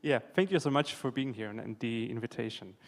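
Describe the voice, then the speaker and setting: A video game music composer, a native German speaker with an Austrian accent, talks casually and fairly quickly in a medium-pitched voice. He is a guest in a live interview before an audience in an indoor event hall, and the recording carries the hall's reverb.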